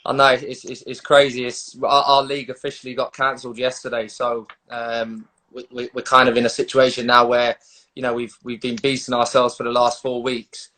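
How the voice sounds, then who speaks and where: A man's voice: mid-range voice, monotone, moderate pace, pushed and bright, poor audio. A man with a London accent talking casually as an interviewed footballer, matey and slangy with hesitant phrasing, on a video call. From London, England.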